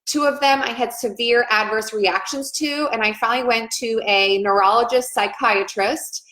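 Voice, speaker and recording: Her voice is fairly bright and on the high side, with a steady tone and normal pace. This thirty-something nurse and vlogger tells her personal testimony with earnest feeling, circling back to repeat phrases, recorded in an echoey room.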